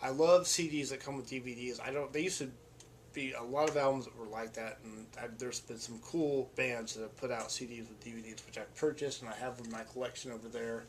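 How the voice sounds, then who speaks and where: A man's voice: medium pitch, fairly even intonation, a little fast, a little hiss or hum. Rambling, enthusiastic man telling a story. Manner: rambling, enthusiastic, restarts often. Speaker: vlogger and musician. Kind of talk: casual storytelling.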